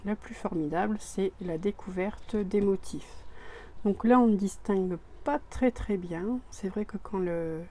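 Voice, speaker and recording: A woman explaining a craft project step by step while she works, hesitant, with many pauses and restarts. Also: medium pitch, dark tone. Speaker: crafting tutorial presenter.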